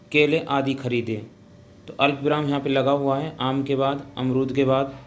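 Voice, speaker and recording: A male teacher gives a measured lesson at a very unhurried pace. He sets out each term with a pause, dictates his examples, then explains them. Faint noise sits under his voice. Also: medium pitch. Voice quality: deliberate, pausing between listed items. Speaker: Hindi grammar teacher. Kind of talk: slow explanatory classroom lecture.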